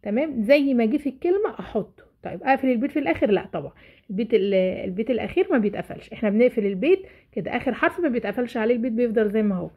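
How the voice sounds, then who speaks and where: A woman's voice: a little high, expressive, racing, husky. A woman teacher with an Egyptian Arabic accent explaining a lesson, asking herself questions and answering them. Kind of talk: explaining a lesson to parents and children. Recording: dull lo-fi recording.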